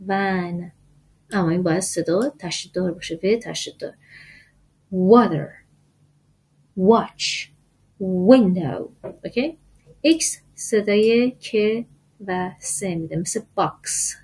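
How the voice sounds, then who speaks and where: A woman teaching English letter sounds in a lesson, explaining in Persian and saying each sound slowly and with stress. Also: medium pitch, a little mellow, slightly rough. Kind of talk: language lesson.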